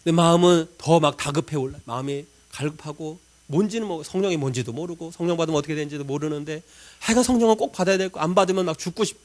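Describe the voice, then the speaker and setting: A man, a pastor, delivering a sermon as a personal story, acting out his own prayers and swinging between loud pleading and hushed murmurs. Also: fairly high pitch, quick pace.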